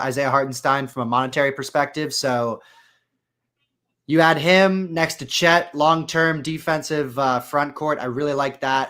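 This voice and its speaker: A man's voice: medium pitch, a bit bright. A man co-hosting a livestreamed podcast, giving rambling, opinionated draft analysis with lots of fillers, with traffic noise around him. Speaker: podcast co-host. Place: outdoors in city traffic.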